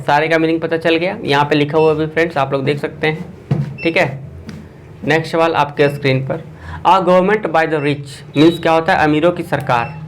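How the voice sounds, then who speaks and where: A man's voice: fairly high pitch, slight background noise, rough recording. Man teaching an online exam class. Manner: quizzing viewers with a repeated filler.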